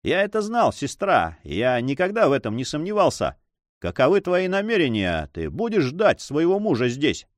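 Ironic young nobleman, voiced by a male narrator, bantering and lively, storybook hero. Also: a little high, normal speed, no room sound, clean studio sound. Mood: earnest. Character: teasing, carefree young nobleman, Don Sancho.

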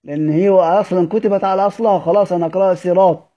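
A man's voice: high-pitched, steady tone, very fast, dark tone, lo-fi sound. Egyptian man teaching, repeating and questioning. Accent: Egyptian Arabic. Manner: repeats phrases, asks students questions. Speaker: Quran recitation teacher. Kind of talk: lecture explaining recitation verse.

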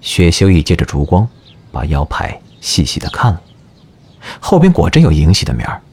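A man narrating an audio drama in an expressive storytelling manner. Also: deep voice, normal speed, breathy edge.

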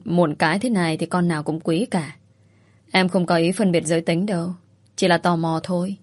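A woman reading a smug young teacher, needling and teasing, lowish voice, storybook telling. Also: darkish tone, dry recording, natural voice.

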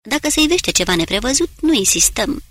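A woman voicing a curt male submarine commander who barks short, loud orders in an audiobook reading. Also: high-pitched, big pitch swings, no echo, pitched above the performer's own voice, heavily acted. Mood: commanding.

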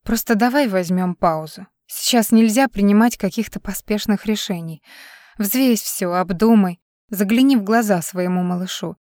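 Heartbroken young woman, soft and subdued, as the narrator reads her. Dry, close sound. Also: medium pitch, normal speed, no room sound, close to an everyday voice. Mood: sad.

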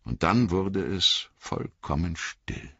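A man reading a story aloud as scripted narration, slow and expressive, in a dull, lo-fi recording. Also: sits low, husky, no room sound. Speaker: audiobook reader.

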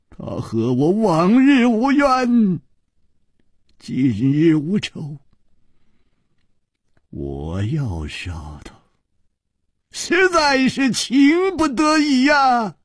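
A man voicing a weary male killer who sighs and speaks slowly and with resignation. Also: high-pitched, big pitch swings, no room sound, studio quality, pitched above the performer's own voice, full character voice. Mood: resigned. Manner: sighing, slow and resigned.

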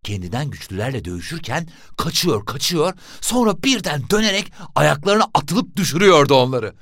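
A man narrating a story for an audiobook in a lively, expressive reading. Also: a little high, moderate pace, dry recording, clean studio sound.

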